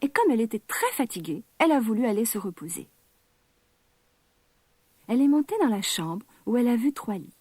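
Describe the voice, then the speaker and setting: Breathy woman reading a children's tale. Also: fairly high pitch, very animated, fairly quick, pauses often, dark tone, soft background music. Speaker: storyteller. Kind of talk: children's story narration.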